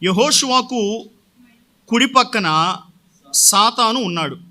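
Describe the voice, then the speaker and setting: A man's voice: very high-pitched, animated, takes it slowly, pushed and bright. A male pastor preaching a sermon, often putting questions to the congregation and answering them himself.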